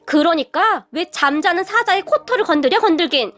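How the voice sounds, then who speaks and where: A woman's voice: extremely high pitch, expressive, brisk, fairly bright tone. A woman voicing an elegant older mother-in-law who speaks with dignified, curt coolness. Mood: cool.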